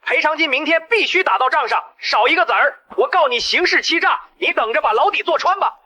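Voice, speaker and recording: An actor playing an angry rich client who curses and threatens the boss over a phone call. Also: male voice, very high-pitched, animated, a little fast, sharp tone, heavily acted. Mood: threatening. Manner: threatening, cursing. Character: furious rich client, middle-aged man.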